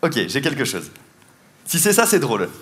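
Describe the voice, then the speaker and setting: On a big theatre stage before a live crowd, a man does a comedic mentalism routine, teasing volunteers and laughing a lot as he speaks. His voice is medium-pitched, sing-song and slightly bright, at a moderate pace. Audience laughter and applause fill the background of this live show recording.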